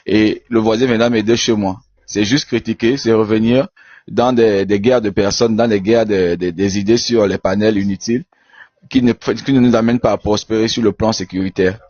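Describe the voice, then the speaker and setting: A man from Benin speaking in an online debate, halting with many repeated words and fillers. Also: lowish voice, steady tone, darkish tone, dry recording. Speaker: debate participant. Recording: dull lo-fi audio.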